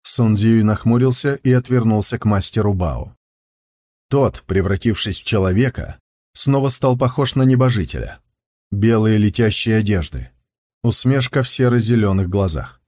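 Steady male audiobook narrator. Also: lowish voice, moderate pace. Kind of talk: scripted narration.

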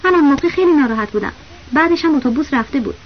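A flustered young man caught posing as a village teacher, pleading and denying over and over, as a woman reads him in a high voice. The recording is lo-fi and dull, with a faint hiss beneath it. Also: animated. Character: flustered young male impostor teacher, desperate.

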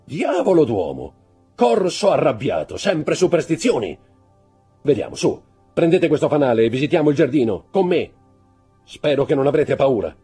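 A man's voice: a little high, big pitch swings, moderate pace, warm tone, slightly rough, soft background music, pitched above the performer's own voice, full character voice. A man reading an audiobook, voicing a cold, imperious nobleman who gives commands. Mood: coldly mocking.

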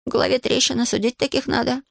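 A woman's voice: high voice, fairly even intonation, quick pace, gravelly, no room sound, studio quality, voice pushed up, heavily acted. A woman voicing a lazy, cunning schoolboy who whines, wheedles and fakes weakness in an audiobook. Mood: sly grumbling. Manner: whiny, wheedling, feigns weakness. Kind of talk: audiobook character voice.

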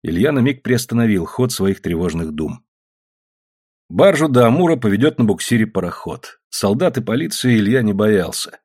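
A man narrating an audiobook in a measured storytelling manner. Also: fairly low pitch, very animated, darkish tone, breathy edge. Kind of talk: scripted narration.

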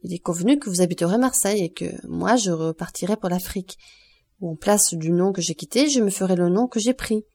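A woman's voice: lowish voice, fairly quick, dark tone, slightly rough. A woman voicing an earnest young man who is a devoted son, in an audiobook reading. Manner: earnest, persuasive, forced cheer.

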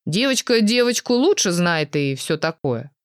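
A woman reader voicing a calm, sarcastic young man with a dry, understated manner. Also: lowish voice, normal speed, clear, resonant tone, dry recording. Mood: sardonic.

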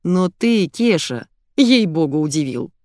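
A woman's voice: fairly low pitch, big pitch swings, a little slow, darkish tone, no echo, studio quality. A woman voicing a mocking middle-aged man who teases the others. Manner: teasing, sneering.

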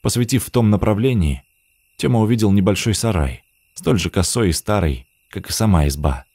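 A man narrating an audiobook in a steady, measured reading voice. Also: fairly low pitch, slightly rough, no echo, clean studio sound.

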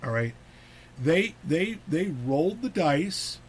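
A man's voice: on the high side, very animated, takes it slowly, slight background noise. A man hosting a casual talk show, rambling and repeating words as he talks. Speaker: host.

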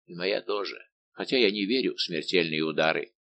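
A man voicing a big, good-natured, simple-minded old musketeer baron, talking slow and booming. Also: fairly bright tone, dry recording, muffled recording. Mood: hearty.

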